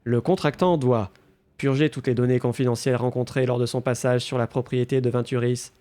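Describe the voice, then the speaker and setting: A man's voice: medium pitch, fairly even intonation, a little fast, mellow. A man putting on a robot voice to read the messages of a cold, formal corporate AI overseer while playing a game. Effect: robot voice, put on by mouth without any filter. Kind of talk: reading in-game text aloud while streaming.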